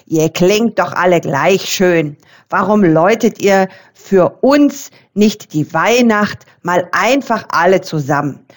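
A woman's voice: fairly low pitch, expressive, slow. A woman voicing a kindly, wise raven who caws between words in a storybook reading. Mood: murmuring.

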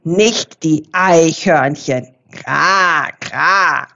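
A woman voicing a grumpy, know-it-all male raven who croaks between his sentences in a storybook reading. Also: low-pitched, extremely slow, sharp tone, pitched below the performer's own voice, full character voice. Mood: gruff.

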